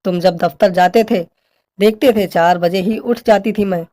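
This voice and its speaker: A woman's voice: mid-range voice, normal speed, mellow, close to an everyday voice. A woman playing a bossy, complaining older mother-in-law who scolds her daughter-in-law. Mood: scolding.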